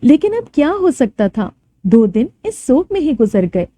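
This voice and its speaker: A woman storyteller reading a first-person tale with dramatic expression. Her voice is fairly high and swings widely in pitch. The tone is dark and mellow, never sharp. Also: very animated, moderate pace, dry recording.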